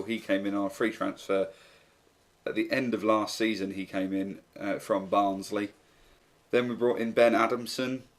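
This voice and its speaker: A man with a low, fairly flat voice commentates over a football management game. He works through the player signings one by one in an even, unhurried, matter-of-fact manner, recorded as a desk-mic voice-over. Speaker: gaming YouTuber.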